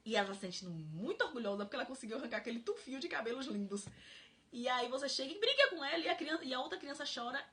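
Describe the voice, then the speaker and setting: A woman hosting a live-stream book club, explaining in an animated way and laughing often. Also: high-pitched, very fast, slight background noise. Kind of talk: casual live-stream talk.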